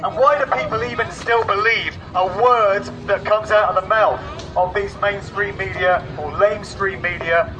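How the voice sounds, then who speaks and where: A man from Oxford, giving an impassioned outdoor protest speech through a megaphone, full of rhetorical questions. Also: sits high. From England, Oxford. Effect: speaking through a megaphone. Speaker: protest speaker. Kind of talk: rally speech. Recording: distant, muffled rally recording with crowd. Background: crowd and street noise.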